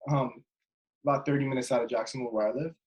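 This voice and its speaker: On a webcam video call from his bedroom at home, a guest who plays basketball and comes from Jordan rambles through a relaxed interview. His mid-range voice is fast and full of fillers and restarts, and the recording is rough.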